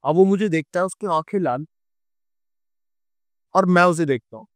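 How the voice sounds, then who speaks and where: A young man with a Delhi Hindi accent telling a true ghost story on a podcast, animated and acting out the scenes. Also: high-pitched, moderate pace, no room sound. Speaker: podcast guest.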